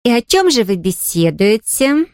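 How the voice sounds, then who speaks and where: A woman's voice: fairly high pitch, big pitch swings, measured pace, a little mellow, no echo, clean studio sound. Woman doing a teasing mocking sister. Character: mocking, nosy older sister.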